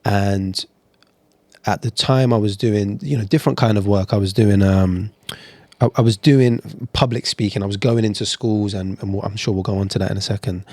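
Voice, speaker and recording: A man's voice: on the low side, fairly even intonation, normal speed, dark tone, dry recording. A man talking candidly as a podcast guest, telling his story in a chatty way with frequent restarts. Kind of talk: casual interview storytelling.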